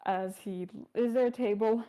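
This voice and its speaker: A woman's voice: a little high, fairly even intonation, normal speed, mellow. A woman playing a tabletop game, casually describing what her character does. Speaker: player.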